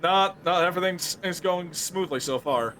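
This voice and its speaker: Halting man questioning on a call. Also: high-pitched, a little hiss or hum. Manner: halting, restarts often, gets louder when pressing a point. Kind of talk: casual voice call.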